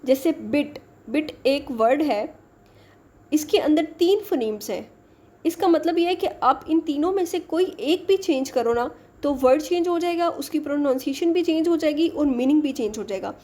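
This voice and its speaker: A woman's voice: high voice, animated, moderate pace, darkish tone. A woman teaching an exam-prep lecture, explaining step by step and mixing English terms into her Hindi-Urdu speech.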